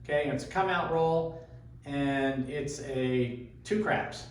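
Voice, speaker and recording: A man giving a casual, unscripted demonstration as host, talking in a halting way as he thinks aloud. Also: medium pitch. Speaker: craps tutorial host. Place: echoey indoor room. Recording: echoey room, distant mic, faint noise.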